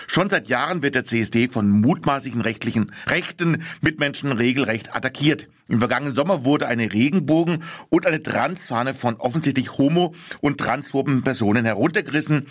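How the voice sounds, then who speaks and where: A man's voice: mid-range voice, a bit bright, breathy edge, no echo. Radio host, man, dry studio sound, scripted intro then short questions. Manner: reads a prepared intro, then asks short questions with frequent mhm's.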